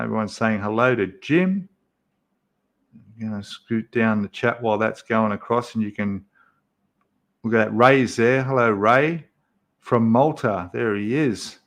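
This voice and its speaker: A man's voice: lowish voice, gravelly, fairly bright tone. A man, hosting a casual livestream and chatting with viewers in a rambling way with many fillers. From Australia. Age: 50s. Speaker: livestream host.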